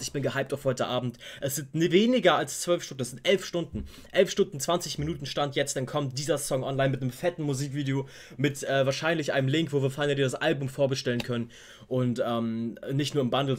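A young man hosting a music reaction, buzzing with hype and sprinkling English slang through his talk. His voice sits a little high for a man. He sounds like an eager fan talking straight to his viewers. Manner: hyped, gushing, mixes English slang into German. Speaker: reaction video host. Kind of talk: excited music reaction chat.

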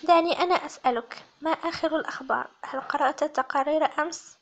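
A woman narrator plays a stern male police chief in this audiobook. He talks in a firm, measured way and keeps his anger held back. The voice sits high and the recording sounds a little dull. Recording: slightly muffled lo-fi audio.

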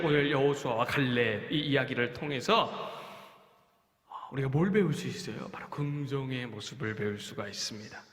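A man preaching a children's sermon, telling a story with lively acted-out quotes and questions to the kids. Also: mid-range voice. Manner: animated, acts out quoted speech, asks children questions. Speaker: children's pastor. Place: church worship hall. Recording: echoey church hall.

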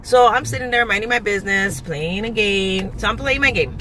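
A woman's voice: medium pitch, moderate pace, low-quality recording. A woman in her forties telling a casual storytime rant from inside a car, recorded on a phone held at arm's length, acting out the exchanges she describes. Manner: animated storytelling, acting out quoted exchanges, frequent "guys". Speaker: vlogger. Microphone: phone camera at arm's length. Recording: loud car and road noise.

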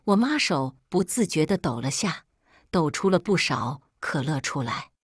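A woman's voice: low voice, very animated, a little slow, breathy edge, no room sound, studio quality. A woman reading a family drama aloud as a scripted first-person narration, telling it expressively. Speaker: storyteller.

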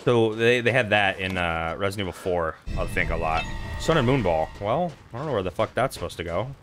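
Casting: male gaming streamer, low-pitched, lively swooping delivery, profane and excitable. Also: brisk, soft background music. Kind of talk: casual let's-play commentary.

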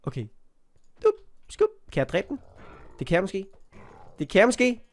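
Young guy with a cold, higher voice, chatting thru a minecraft let's play, yelps when stuff attacks. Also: wildly swooping pitch. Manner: chatty, talks to the game animals, yelps when startled. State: has a cold. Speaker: gaming YouTuber.

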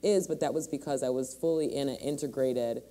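Her voice rumbles low and mellow, moving a little fast, as this Michigan woman in her forties weighs her words in a panel discussion. She speaks from a stage in a large hall and keeps restarting.

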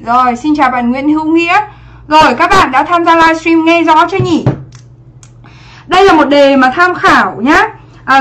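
High-voiced woman teaching a livestream lesson. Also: a bit bright. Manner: chatty, checks in often with "đúng không ạ". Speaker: English teacher. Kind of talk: livestream exam review lesson.

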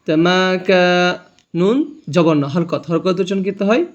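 High-voiced man, slow spelled-out recitation. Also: muffled recording, soft background music. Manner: spells out letters and vowel marks, then drawls the joined syllables slowly; repeats words for the listener to echo. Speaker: Quran reading teacher. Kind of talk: recorded reading lesson.

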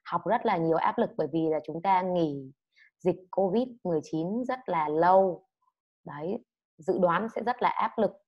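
A woman's voice: fairly low pitch, normal speed, muffled recording. A woman from Vietnam teaching an online English lesson to children, explaining words and having pupils repeat after her. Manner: drills words loudly and has pupils repeat.

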